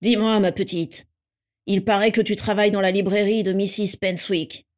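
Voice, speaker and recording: A man's voice: high voice, flat delivery, normal speed, natural voice. Piscus Crabbe, a woman reading as a cold patriarch. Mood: condescending. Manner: cold, condescending, threatening. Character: cold domineering pure-blood patriarch. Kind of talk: audiobook character reading.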